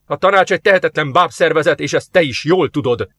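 A man's voice: on the high side, a bit bright, no echo, close to an everyday voice. Man voicing a hostile alien warlord, curt commands, audiobook, dry sound. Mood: angry. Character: stern cold male alien warlord.

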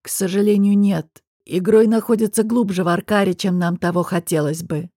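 A woman's voice: mid-range voice, fairly even intonation, normal speed, dark tone, slightly rough, no room sound, clean studio sound, natural voice. A woman reading an audiobook, voicing a stern, commanding young male mage who gives curt, firm orders.

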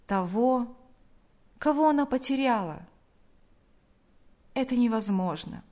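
Slow, lively-voiced woman narrating an audiobook. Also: on the high side. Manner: slow, measured storytelling. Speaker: audiobook reader. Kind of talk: scripted narration.

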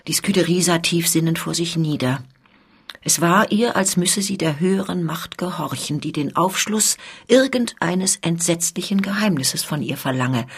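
A woman narrating a literary reading of a classic story in a measured, expressive way. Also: lowish voice, breathy edge. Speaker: reader.

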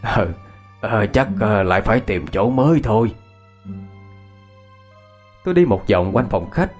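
Low-voiced storytelling man. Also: expressive, unhurried, darkish tone, faint music behind. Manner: reminiscing, storyteller's cadence. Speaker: narrator. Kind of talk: ghost story narration.

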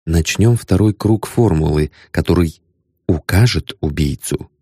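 A man voicing a hushed, stern male detective. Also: unhurried, slightly rough, no echo, clean studio sound, exaggerated voice. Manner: low, hushed, insistent commands. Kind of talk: audiobook character reading.

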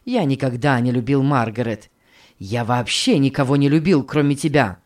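Brief: female reader doing a pleading male lover, lowered voice, earnest and wheedling. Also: normal speed, darkish tone. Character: anguished pleading married man, begging his lover.

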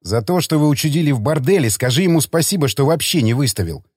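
A man plays a level-headed leader in an audiobook, a little higher than his own voice, measured and firm as he reasons with his friends. The sound is dry and close. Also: lively intonation, a little mellow, breathy edge, dry recording, big-room sound.

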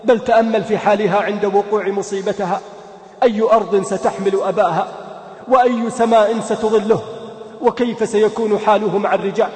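A man's voice: sits high, steady tone, brisk, darkish tone. A man preaching an impassioned sermon, telling a story in the first person and pleading with rhetorical questions. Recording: echoey hall with long reverb.

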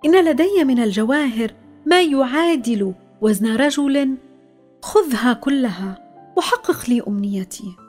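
A pleading young princess in a fairy tale, as a woman reader puts her on. Her voice sits high and moves a lot as she begs. Soft music plays behind. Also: lively intonation, measured pace. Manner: eager, pleading. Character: young princess longing to fly. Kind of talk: storybook voice acting.

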